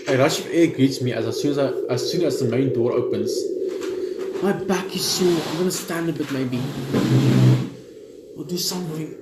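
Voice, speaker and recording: This man's voice is a little high, his speed normal, and he pauses often while reading a visual novel's text for a let's play. He stumbles and rereads at times and adds asides. The very noisy recording has a roomy echo with video game music behind.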